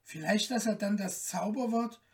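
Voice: medium pitch, far from the mic, natural voice. A reader doing a mournful enchanted owl princess. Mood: hushed. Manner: soft and subdued, slow and mournful. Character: sad enchanted owl princess, lonely and gentle.

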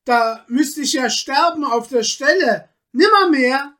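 Man doing scared young guy from a storybook, anxious and pleading, high-ish voice. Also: slow. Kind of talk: dramatized storybook reading.

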